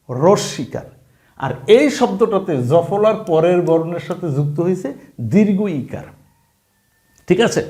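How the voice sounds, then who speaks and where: A man's voice: high-pitched, a little mellow. A man teaching pronunciation in an online class, repeating each sound and checking the listener follows. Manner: repeats sounds and rules, asks the listener questions. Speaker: Bengali language teacher. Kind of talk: online spelling and pronunciation lesson.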